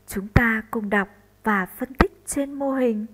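Speaking at a fairly high pitch, this woman, a primary teacher from northern Vietnam, leads a slow first-grade lesson and deliberately spells out the sounds. It's a rough recording.

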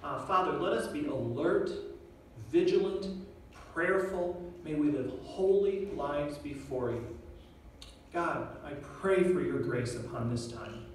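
A man's voice: on the high side, expressive, slow pace, a little hiss or hum. A young man preaching as a guest speaker, earnest and direct, asking the congregation questions. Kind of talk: sermon. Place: church sanctuary. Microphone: podium microphone, filmed from far back. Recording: echoey church room from far off.

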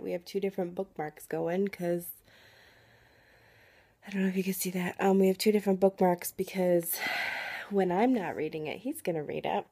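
A young woman chatting casually to a phone at arm's length in her living room, talking about her evening. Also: lowish voice. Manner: chatty, relaxed, speaks softly to camera. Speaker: family vlogger. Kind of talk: casual home vlog. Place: living room at home, indoors.

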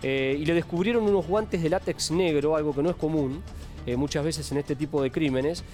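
A male TV crime host with a Rioplatense Argentine accent, speaking in a somewhat raised pitch. He delivers emphatic, indignant commentary from a studio. Faint music plays in the background. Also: a little fast, a little mellow. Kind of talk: TV crime news presenting and commentary.

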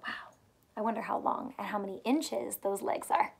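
Her voice is gravelly and mid-pitched, moving at a normal speed, with slight background noise. A woman in her thirties reads a picture book aloud as a teacher would, explaining simply and asking young listeners questions, indoors in a small furnished room at home.

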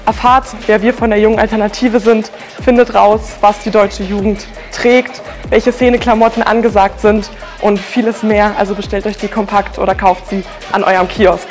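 A young woman delivering a promotional pitch straight to the audience in an advert. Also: level tone, normal speed, few pauses. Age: young adult. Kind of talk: promotional magazine and shop advert. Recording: music bed under the voice. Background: music.

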